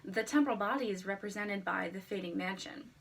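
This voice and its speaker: A woman's voice: medium pitch, fairly quick, a little hiss or hum. A woman giving a prepared explanatory presentation in a formal, earnest manner. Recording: distant microphone.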